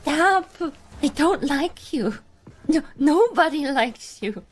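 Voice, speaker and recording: A squeaky shrill fed-up voice. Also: lively intonation, slow pace. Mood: disgusted. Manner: shrill, high-pitched, drawn out. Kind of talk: comedic commentary bit.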